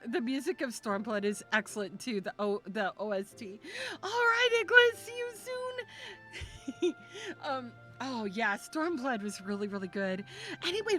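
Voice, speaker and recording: A woman streaming as a VTuber, rambling and gushing with many restarts while she chats with her viewers. She sounds emotional, and her voice sits fairly high. Faint game music plays behind her. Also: bright, forceful tone. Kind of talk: casual live-stream chat.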